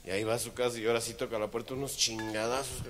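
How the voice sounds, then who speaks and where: A man's voice: mid-range voice, racing, a little hiss or hum. Crude joke-telling Mexican man. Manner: crude slang, animated, laughing storytelling. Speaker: comedian.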